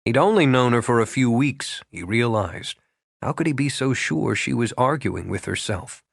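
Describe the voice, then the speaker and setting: Measured male audiobook narrator. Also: medium pitch, creaky, no echo. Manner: even, measured reading. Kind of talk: scripted romance narration. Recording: dry close studio sound.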